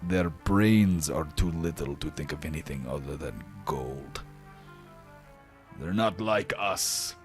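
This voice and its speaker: A man voicing a stern, gruff barbarian father who rants with bitter emphasis, loud and rough. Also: extremely low pitch, full character voice.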